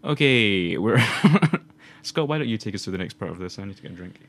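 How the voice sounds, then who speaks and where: In a lowish, animated voice at normal speed, a Glaswegian man in his twenties co-hosts a casual podcast conversation. He rambles and laughs frequently.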